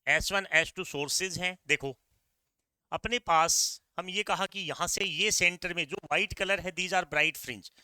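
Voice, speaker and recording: A middle-aged man with an Indian accent teaching an exam-prep physics lecture, energetic and repeating key points while coaxing his students. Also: sits high, unhurried, smooth, dry recording, studio quality.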